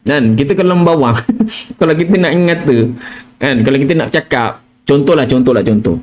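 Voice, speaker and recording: A man's voice: medium pitch, brisk, darkish tone. A middle-aged man with a Malaysian Malay accent giving a casual live tajwid lesson, chatty and peppering his talk with "kan?" and "ah", now and then demonstrating letter sounds in a whisper or in chanted recitation. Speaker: Quran recitation teacher.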